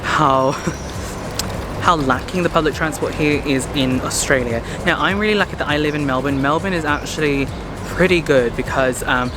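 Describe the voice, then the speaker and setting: A man from Hong Kong with a Hong Kong English accent vlogs casually on a city street, chatting to viewers at normal speed in a fairly high voice. He's chatty, calls his audience "you guys," and says "um" a lot. Loud traffic and street noise fill the outdoor recording.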